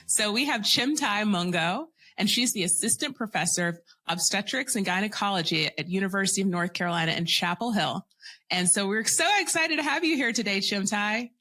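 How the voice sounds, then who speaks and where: A woman's voice: medium pitch, a little fast, pushed and bright. A woman hosting a podcast, enthusiastic and encouraging as she talks with her guest. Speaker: podcast host. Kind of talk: casual interview chat.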